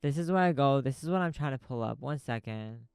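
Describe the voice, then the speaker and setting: A man hosts a casual podcast from a small recording studio, talking in a loose stream of consciousness. He swears freely and jumps from thought to thought in a long info dump. His voice is smooth and resonant at a middle pitch, recorded dry and close. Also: lively intonation, brisk, darkish tone, no echo. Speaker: podcast host. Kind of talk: casual rambling monologue.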